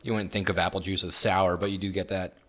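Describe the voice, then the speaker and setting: Easygoing low-voiced man chatting. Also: little pitch movement, fast talker, sharp tone. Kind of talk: casual chat.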